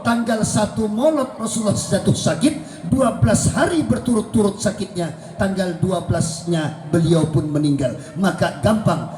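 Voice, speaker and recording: High-voiced preacher in an echoey hall. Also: male voice, darkish tone. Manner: storytelling with acted dialogue, swooping pitch. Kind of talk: sermon. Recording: echoey hall with faint noise.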